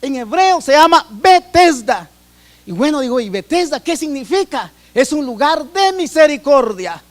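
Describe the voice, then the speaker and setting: A man's voice: extremely high pitch, big pitch swings, moderate pace. A man from Guatemala with a Guatemalan accent, preaching a sermon in an earnest way, often repeating and restarting phrases. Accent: Guatemalan Spanish.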